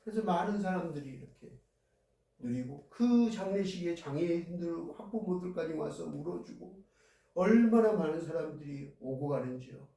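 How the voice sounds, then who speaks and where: A man's voice: a little high, moderate pace, gravelly, mellow. A male pastor preaching a sermon, telling a story in a conversational, heartfelt way in a church sanctuary. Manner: conversational storytelling, recounting events with feeling. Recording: very echoey hall, voice heard from a distance.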